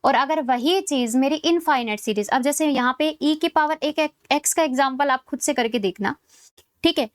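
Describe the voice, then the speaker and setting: A woman lecturing on maths for exam preparation. She explains step by step, often checking that students follow, and slows right down to dictate formulas. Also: sits high, no room sound, clean studio sound.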